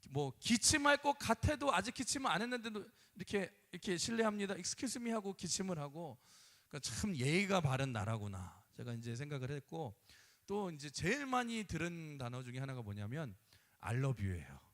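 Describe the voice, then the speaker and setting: A man's voice: on the high side, big pitch swings, a little fast, fairly bright tone. A man preaching a sermon as pastor, telling stories and acting out the voices of the people in them. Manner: storytelling, acting out quoted voices. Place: church sanctuary. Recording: reverberant church hall.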